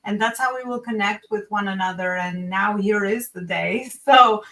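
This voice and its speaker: A woman's voice: mid-range voice, moderate pace, pushed and bright, recorded from a distance, rough recording. A woman in her forties from Albania, telling her story as a podcast guest in an earnest, reflective way, with many fillers and restarts.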